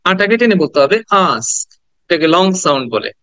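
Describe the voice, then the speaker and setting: A man with a fairly high, smooth and resonant voice leads a pronunciation lesson, speaking with a Bangladeshi accent. He switches between Bengali and English and says each word again and again for the class to copy. The sound is close and dry, with no room echo. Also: expressive, fairly bright tone. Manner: mixes Bengali and English, repeats words slowly for students.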